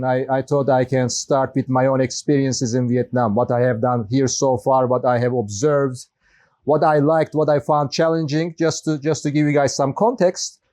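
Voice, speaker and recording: A man in his thirties, originally from Turkey, speaks to a small group in a relaxed, conversational way. His voice sits a little high for a man, and he often restarts phrases and leans on fillers as he talks. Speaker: guest speaker. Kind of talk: casual talk to a small group.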